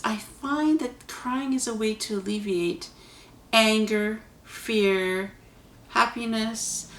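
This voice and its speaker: A woman's voice: fairly high pitch, a bit bright, echoey room, slight background noise. A woman hosting her own vlog, talking casually and earnestly to her viewers with chatty asides. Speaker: vlog host. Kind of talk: casual spoken reflection to camera.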